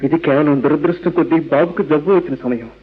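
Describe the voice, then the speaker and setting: A man's voice: a little high, fast, husky. An actor with a Telugu Indian accent playing a rationalist young father in an old radio drama, speaking emphatically and theatrically with English words mixed in. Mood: firm, reasoning. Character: rationalist young father, atheist, anguished over his son. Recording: tinny narrow-band old radio recording.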